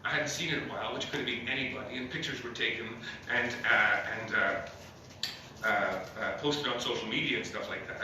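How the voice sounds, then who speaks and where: A man's voice: medium pitch, fairly quick. A man doing a stand-up comedy set in a small club with no audience, rambling, filling gaps with uh and chuckling at his own jokes. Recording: echoey room, mic at a distance, faint noise.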